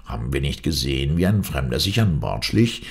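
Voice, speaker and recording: Man voicing a calm, shrewd ship's doctor. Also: rumbling low, a little fast, gravelly, exaggerated voice. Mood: reasoning.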